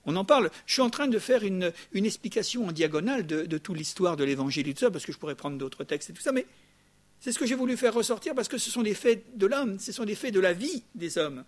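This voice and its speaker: A man's voice: high-pitched, fast talker. Chatty older man preaching a sermon. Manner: lively, chatty preaching with frequent "hein?" asides. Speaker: pastor.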